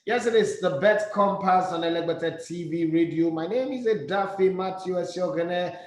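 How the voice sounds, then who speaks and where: A man, a young adult, hosting a radio sports show in a smooth radio host manner. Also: high voice, normal speed. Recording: roomy echoey studio sound.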